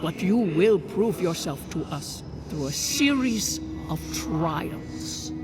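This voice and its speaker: Speaking as an ancient spirit guardian in a fantasy video game, a mid-range, animated voice delivers formal, archaic lines very slowly and solemnly. The mood is solemn and commanding, with prominent music playing underneath.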